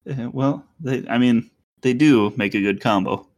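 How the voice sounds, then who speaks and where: A podcast co-host chats casually, rambling and hesitant, full of fillers and restarts. His voice is medium-pitched and a little mellow, at a moderate pace.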